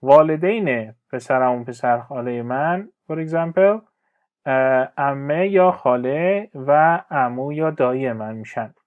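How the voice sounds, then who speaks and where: A male English teacher giving a lesson, reading example sentences slowly and clearly, then explaining them quickly with frequent fillers. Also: medium pitch. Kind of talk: language lesson explaining phrases. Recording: slightly dull lo-fi audio.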